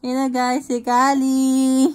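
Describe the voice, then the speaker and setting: A woman's voice: high-pitched, completely flat delivery, slow, a little mellow, clear, resonant tone, no echo. A Filipino woman, a mother, talking to her baby in a sing-song voice and repeating short greetings and words. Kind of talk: baby talk to an infant.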